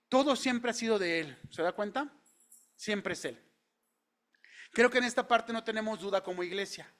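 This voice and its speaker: A pastor with a high-pitched, fairly bright voice preaches a sermon in church, speaking conversationally and posing questions to the congregation.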